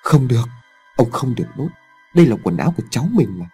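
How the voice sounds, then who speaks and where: A man's voice: medium pitch, sing-song, fast, mellow, breathy edge, faint music behind. A man voicing a frightened, tearful old farm wife who pleads with a trembling voice.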